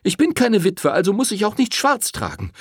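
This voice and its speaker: A man's voice: high voice, huge pitch swings, moderate pace, slightly rough, dry recording, clean studio sound, pitched above the performer's own voice, full character voice. A man voicing a fierce, defiant young woman farmer in an audiobook reading, speaking in an indignant, proud manner.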